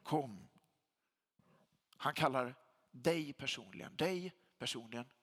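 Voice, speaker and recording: A man delivers a sermon with a bright, slightly raised voice that rises and falls in wide, animated swings. His tone is a little husky, and he leans on repetition to drive points home. The sound carries a long hall reverb, as in a church. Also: fairly high pitch. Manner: emphatic preacher, repeats phrases for weight. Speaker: pastor.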